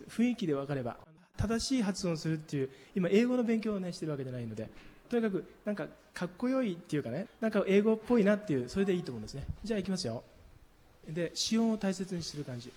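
Male singing teacher, husky and high, explanatory lesson delivery. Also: in a large hall. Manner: gentle explanatory talk, counting beats aloud. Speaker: music teacher.

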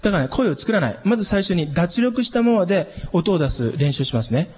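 A man leading a calm vocal training lesson, explaining relaxation and demonstrating long, breathy exhalations. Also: high-pitched, quick pace. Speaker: voice and breathing instructor. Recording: long reverb, dull lo-fi sound.

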